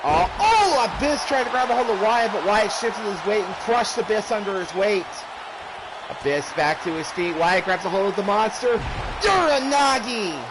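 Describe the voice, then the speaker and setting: A man doing excited play-by-play as a wrestling commentator, exclaiming and often shouting out the moves. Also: high voice, normal speed. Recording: clearly noisy background.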